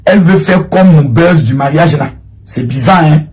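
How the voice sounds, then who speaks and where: A man talks to his viewers in a rambling, animated way, often repeating himself. His voice is husky and sits a little high. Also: moderate pace. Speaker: online commentator. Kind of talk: livestream commentary reading chat screenshots.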